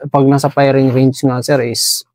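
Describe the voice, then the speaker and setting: A man from Basilan, an army sergeant, answering interview questions deferentially and haltingly, tacking "sir" onto nearly every phrase. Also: mid-range voice, little pitch movement, darkish tone, dry recording. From Basilan, Philippines.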